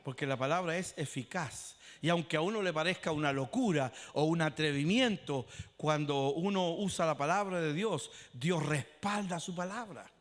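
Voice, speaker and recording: A man preaching a sermon as pastor, retelling stories with dramatic acted quotes and sometimes shouting. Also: fairly high pitch, moderate pace, hardly any pauses. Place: church. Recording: long hall reverb.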